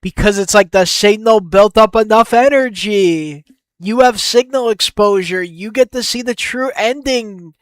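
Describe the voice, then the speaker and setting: Young guy game dev streaming, slow and dry, excited thinking out loud, swears a bit. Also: sits high, no echo. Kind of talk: casual live-stream brainstorming.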